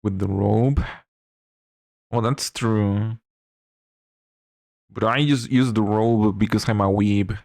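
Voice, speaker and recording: Speaking slowly with long pauses, this streamer has a fairly low, creaky, slightly mellow voice and fairly even intonation. He's from Chile, a native Spanish speaker with a Chilean accent, thinking out loud while working and replying to chat, in clean studio sound without echo.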